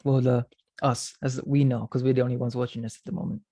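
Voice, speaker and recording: A man's voice: mid-range voice, flat delivery, fast, mellow. A young man in his twenties co-hosting a podcast, chatting casually with lots of filler words. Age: 20s. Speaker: podcast co-host. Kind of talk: casual chat.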